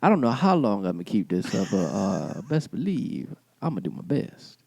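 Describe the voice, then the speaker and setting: A man's voice: lowish voice, sing-song, a little fast, gravelly, a little mellow, husky, no echo, exaggerated voice. Man putting on a boastful lover type, drawling and sing-song, dry close sound. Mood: smooth. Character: smooth-talking, boastful male lover persona. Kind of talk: improvised comedy bit.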